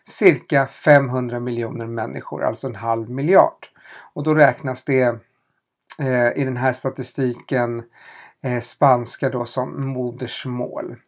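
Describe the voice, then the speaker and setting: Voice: mid-range voice, fairly even intonation. Patient teacher spelling out letters. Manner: spells out letters slowly and repeats them for clarity; explains patiently with small hesitations. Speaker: language teacher. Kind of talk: spoken language lesson, question and answer.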